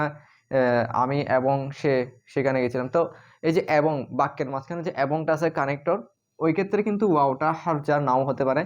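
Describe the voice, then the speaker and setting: Man, teacher, fairly high voice, step-by-step explaining, frequent fillers, dull lo-fi audio. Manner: explains step by step, many "ah" fillers and checking questions. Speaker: Arabic teacher. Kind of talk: casual whiteboard lesson.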